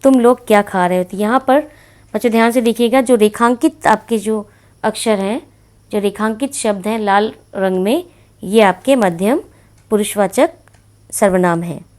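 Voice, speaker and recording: A woman's voice: mid-range voice, normal speed, darkish tone. A woman teacher giving a grammar lesson to children, patiently explaining with many repeated examples. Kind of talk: classroom-style grammar lesson.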